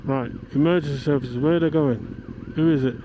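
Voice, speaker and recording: A man's voice: fairly high pitch, fairly even intonation, fairly quick. Motovlogger man, noisy road behind. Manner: chatty, thinking aloud to himself. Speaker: motorcycle vlogger. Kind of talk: casual riding commentary. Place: outdoors, riding a motorbike in traffic. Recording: noisy road, traffic and engine noise.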